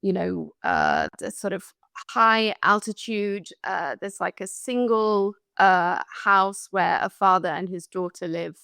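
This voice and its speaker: A woman from London talks slowly and carefully, with a gravelly edge under an otherwise smooth voice. She sounds thoughtful and a little hesitant as she works through her ideas about a film. The sound is close and dry. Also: medium pitch, very animated, pushed and bright, dry recording. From London, England. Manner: thoughtful and hesitant, searching for words. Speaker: podcast panelist. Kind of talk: casual film discussion.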